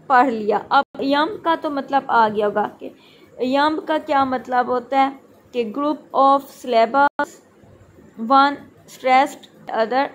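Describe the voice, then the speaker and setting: A woman teacher explaining a lesson step by step, slowly counting syllables aloud and mixing English terms into Hindi. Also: sits high, slight background noise, low-quality recording.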